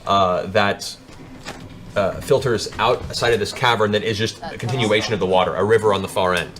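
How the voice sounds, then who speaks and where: Narrating a fantasy tabletop game, the game master uses a fairly low voice with a steady tone and a slightly fast pace. His storytelling is descriptive and dramatic, and music plays in the background.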